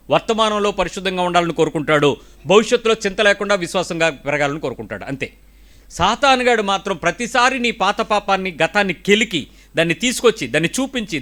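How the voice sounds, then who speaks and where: A man's voice: high voice, fairly bright tone. A man with a Telugu accent preaching a sermon, firing off rhetorical questions with emphasis.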